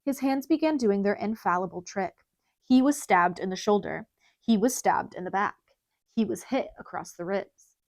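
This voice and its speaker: Reading an audiobook at normal speed, a woman tells the story in a dramatic, scripted way. Her mid-pitched voice is a little mellow, captured in a close, dry recording with no room sound.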